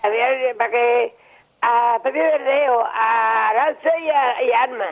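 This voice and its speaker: Older man phoning into the radio, really high voice, tinny line, rambles a bit. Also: steady tone, slow. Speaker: radio phone-in caller. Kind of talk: casual chat. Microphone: telephone.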